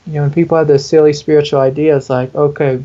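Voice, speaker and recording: A man's voice: fairly high pitch, flat delivery, quick pace, warm tone, lo-fi sound. A man who is a spiritual teacher, answering in an interview in an earnest, intimate way and sometimes acting out the inner voices he describes.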